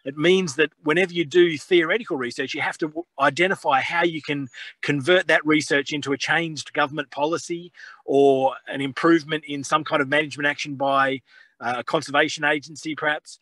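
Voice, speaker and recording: A man's voice: fairly high pitch, fairly even intonation, fairly bright tone, dry recording. A man talking in a webinar from a remote outdoor field site, his video call audio choppy and breaking up. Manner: halting, apologetic, restarts through dropouts. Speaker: conservation researcher. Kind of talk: webinar talk.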